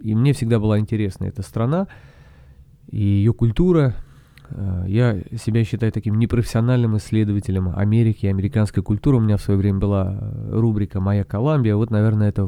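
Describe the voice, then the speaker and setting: A man speaks in a low, very dark and relaxed voice, recorded dry. He hosts a conversational podcast, thinking aloud with frequent hesitations as he explains. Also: gravelly, no room sound. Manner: halting, reflective, explanatory. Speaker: podcast author and host.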